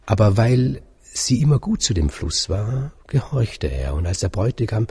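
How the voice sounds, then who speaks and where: A man telling a fairy tale aloud in a calm, measured way, dropping at times to a soft whisper. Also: lowish voice, slightly rough. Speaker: storyteller. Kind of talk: oral fairy-tale storytelling.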